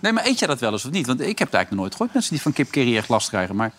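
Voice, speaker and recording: A man's voice: medium pitch, big pitch swings, fairly bright tone, a little hiss or hum. A man on a football podcast panel who keeps firing off teasing questions in casual chat. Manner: teasing, quick questions, chuckles.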